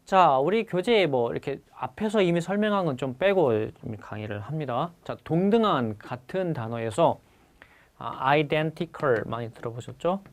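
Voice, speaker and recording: A man teaching English vocabulary for civil service exams in a recorded lecture, repeating key words slowly and addressing his students. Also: a little high, animated. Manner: stresses the English words, then lets the Korean explanation trail off quietly.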